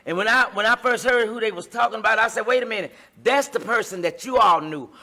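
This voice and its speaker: Fast and sharp, with a pitch on the high side, a middle-aged woman hosts a preaching-style relationship advice talk. She speaks emphatically, repeating herself in a sermon-like cadence.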